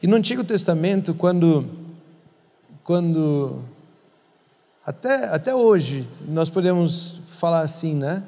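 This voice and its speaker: A man's voice: a little high, lively intonation, slow pace, pauses often, warm tone. A man who is a pastor, teaching in an earnest conversational way and repeating words for emphasis. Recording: long hall reverb.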